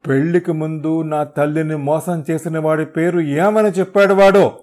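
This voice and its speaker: Man reading a ruthless young man for an audiobook; menacing clipped threats, mellow tone. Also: mid-range voice, fairly even intonation, normal speed, natural voice. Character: cold, ruthless young man seeking his father.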